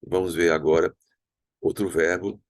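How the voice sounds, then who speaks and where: Very low-voiced Brazilian teacher. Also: male voice, fairly even intonation, no echo. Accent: Brazilian Portuguese. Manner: patient, explanatory, repeats and slowly sounds out words. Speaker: Hebrew teacher. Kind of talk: recorded online language lesson.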